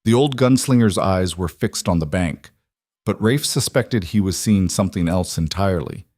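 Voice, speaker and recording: A man with a low voice tells a scripted Western story in a steady, measured way. His voice sounds close and dry, with no room echo around it. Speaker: narrator.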